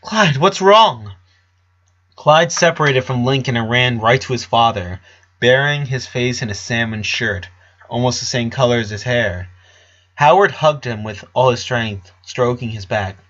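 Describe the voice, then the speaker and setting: At a moderate pace, a man with a mid-range, fairly bright voice reads a story aloud, dramatizing it and doing character voices. He's a fan fiction reader, and the audio comes across dull.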